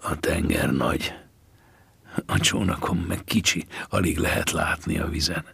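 A man voicing a weary, beaten old fisherman with a low, gravelly, hushed voice. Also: no echo, exaggerated voice. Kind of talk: audiobook character voice.

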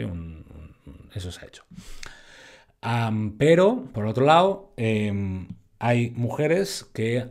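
A man giving a live-streamed training lecture, lively and full of fillers, often checking in with his listeners. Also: lowish voice. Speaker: fitness trainer and educator.

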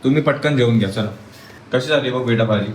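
A man's voice: medium pitch, fast talker, slight background noise. A man in his thirties filming a casual family vlog at home, animatedly coaxing and teasing his little daughter. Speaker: family vlogger, father.

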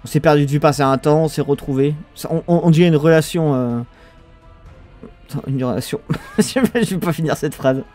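A young man with a French accent and a slightly high voice casts a strategy game live. He rambles and banters with his viewers, stumbling over restarts, with faint music in the background. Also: normal speed, darkish tone. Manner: chatty, banters with chat, trails off and restarts. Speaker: esports caster. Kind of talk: casual live game commentary.

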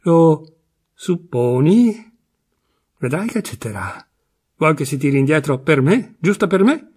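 A man reading a story aloud, voicing a weary, ironic husband who teases and half-mocks; his voice is husky. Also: fairly high pitch, a little mellow. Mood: mocking. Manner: sardonic, teasing, half-mocking. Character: sly, weary middle-aged husband, ironic. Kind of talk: literary audiobook reading.

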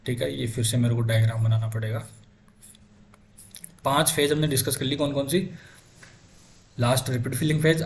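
A young man lecturing medical students, explaining step by step and putting rhetorical questions to the class. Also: medium pitch.

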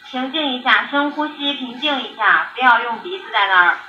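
A woman's voice: a little high, animated, moderate pace, pushed and bright. A woman working as an emergency dispatcher over a landline phone, repeating questions and instructions insistently and impatiently. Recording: roomy phone call recording, faint noise.

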